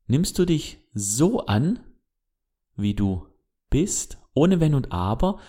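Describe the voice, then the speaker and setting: Slow, gently questioning male speaker. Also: medium pitch, big pitch swings. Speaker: self-help speaker. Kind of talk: reflective motivational monologue.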